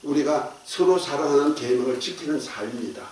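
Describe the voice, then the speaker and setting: A man's voice: a little high, moderate pace, darkish tone. A man preaching a sermon as a pastor, folksy and joking, leading the congregation in call and response. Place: church sanctuary. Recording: echoey church hall, distant mic.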